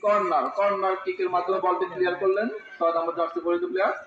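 A man giving live, excitable football commentary that can burst into shouts. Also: high-pitched, racing, a little hiss or hum. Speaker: football commentator at a local tournament. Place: outdoor football ground. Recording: dull, echoey PA-like sound, crowd behind.

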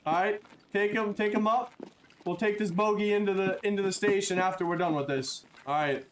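A man with a high, light voice plays a police captain over in-game voice chat, barking orders with mock-stern cop bravado. A faint hiss sits under his voice. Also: brisk. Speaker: streamer playing a police captain. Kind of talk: in-game voice chat role-play.

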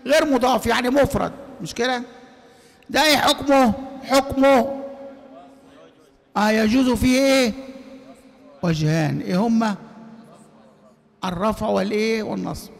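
Egyptian male teacher with a high voice, constantly quizzing his students, in a large echoing mosque hall. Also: normal speed, creaky, long pauses. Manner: quizzing, leaves sentences open for students to finish. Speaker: grammar teacher. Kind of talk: classroom lecture. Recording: reverberant hall.

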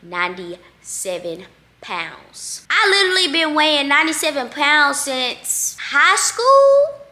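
A young woman talks straight to her camera in an easygoing vlog, calling her viewers y'all and rambling about her plans. Her voice sits a little high and sounds bright and crisp. It is picked up by a camera mic a few feet away in a bright living room. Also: takes it slowly. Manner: chatty, animated, addresses viewers as y'all. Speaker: lifestyle vlogger. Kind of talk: casual vlog chat to camera. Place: bright open-plan living room, indoors.

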